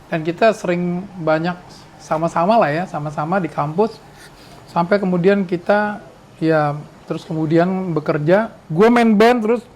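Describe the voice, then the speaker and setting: A man in his sixties from Indonesia hosts a casual podcast chat. He reminisces in a high voice, rambling and restarting, with a faint hiss behind him. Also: moderate pace, darkish tone. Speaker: podcast host.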